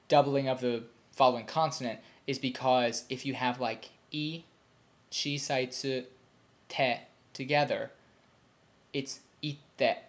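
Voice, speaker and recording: A young man in a quick, casual home video, mid-pitched and rambling. He fills his talk with ums and restarts, and he stops to sound out short examples. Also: gravelly. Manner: demonstrates sounds aloud. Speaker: language learner explaining pronunciation.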